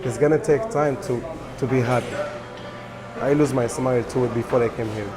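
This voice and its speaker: A man who is a newcomer working at a restaurant, talking in halting, broken English in a news feature interview. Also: mid-range voice, fairly even intonation. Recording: music bed under voice. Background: music.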